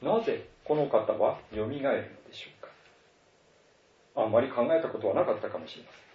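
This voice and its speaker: A man preaching a sermon as a pastor, earnest and animated in his delivery. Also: mid-range voice, quick pace. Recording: roomy, distant, dull sound.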